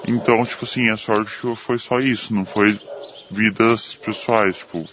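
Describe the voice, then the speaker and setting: Low voice-changed male student, hesitant. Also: fairly even intonation, a bit bright. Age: teenage student. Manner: hesitant, halting with restarts and fillers. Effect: voice altered by a voice changer. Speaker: interviewed student. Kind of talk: news interview. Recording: dull lo-fi sound with faint noise.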